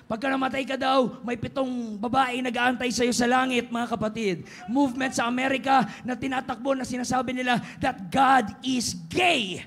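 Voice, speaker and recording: A Filipino man preaching a fervent sermon in a church, often rising to shouted exhortation. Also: extremely high pitch, vocal fry. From Philippines.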